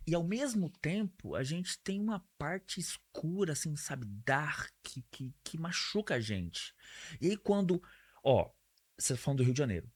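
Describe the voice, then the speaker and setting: A man hosting a relaxed interview podcast. His voice is husky, a little breathy and low. He talks in a chatty way and throws in slangy asides. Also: unhurried. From Brazil (São Paulo). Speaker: podcast host. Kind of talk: casual conversational interview.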